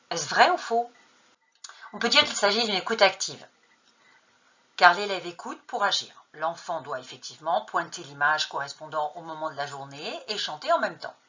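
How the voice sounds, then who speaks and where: Woman narrating a lesson, lowish pitch, sharp bright tone, dull lo-fi sound, asks then answers her own questions. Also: slightly rough. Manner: quizzing, asks true-or-false then answers. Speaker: teacher trainer. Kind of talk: narrated lesson on an English textbook.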